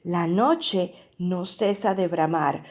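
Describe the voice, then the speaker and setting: A woman's voice: on the low side, a little hiss or hum. A woman teacher reading a picture book aloud to young children, stretching out words and counting their syllables. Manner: slow, drawn-out syllable drilling with animated read-aloud emphasis.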